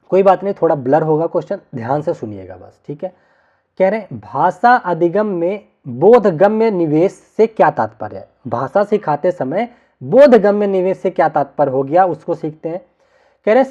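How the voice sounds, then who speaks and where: A man's voice: high voice, darkish tone, lo-fi sound. A man teaching an online exam-prep class, explaining each answer and checking in with his listeners, dropping in English words.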